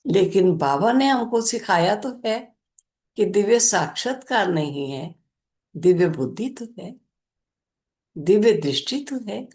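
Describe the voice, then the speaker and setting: An older woman, a spiritual teacher, gently recounting a personal experience in a spiritual discourse. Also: mid-range voice, expressive, a little slow, pauses often.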